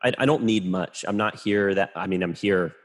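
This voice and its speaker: A man, a photographer, talking casually and rambling in a relaxed, self-deprecating way as a podcast guest. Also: low voice, moderate pace.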